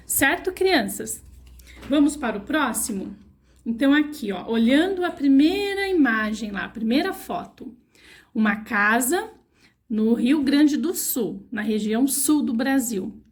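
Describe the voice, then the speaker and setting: A woman's voice: high voice, expressive, unhurried. A woman teacher from Brazil giving a recorded online lesson to young children, patiently spelling out words syllable by syllable and asking the kids questions. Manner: asks the children questions, coaxing. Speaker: primary school teacher.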